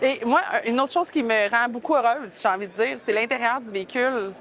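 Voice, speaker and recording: An enthusiastic woman with a Quebec French accent and a fairly high voice. She chats playfully and casually as a show co-host. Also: fairly quick, fairly bright tone. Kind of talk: casual on-camera chat.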